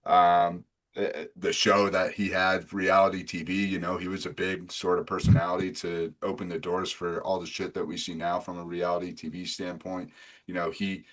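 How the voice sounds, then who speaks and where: Male podcast host, deep voice, blunt and salty, casual rambling sports talk. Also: level tone, moderate pace, fairly bright tone. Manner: blunt, profane, rambling with restarts.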